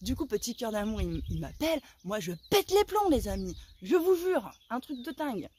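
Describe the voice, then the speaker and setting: A woman in her forties with a slightly high voice, worked up and theatrical as she recounts a story to her viewers. A sore throat holds her volume down, yet she stays vivid and blunt, swearing freely. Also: normal speed, husky. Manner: animated, dramatic, colloquial storytelling with swearing. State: sore throat, talking softer than usual. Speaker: vlogger. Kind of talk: casual storytelling vlog.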